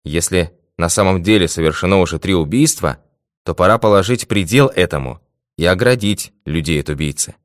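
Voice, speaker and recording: A calm, methodical detective speaks in a measured, confident way, as a man reads him aloud. The voice sits deep and low. The sound is close and dry, with no room around it. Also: no echo, close to an everyday voice. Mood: assured.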